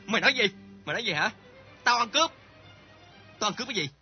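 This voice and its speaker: An actor playing a greedy, bullying old moneylender who turns cowardly, with a husky, blustering voice. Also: male voice, very high voice, sing-song, brisk, exaggerated voice. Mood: domineering. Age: older. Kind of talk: radio drama acting. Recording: dull lo-fi recording with faint music.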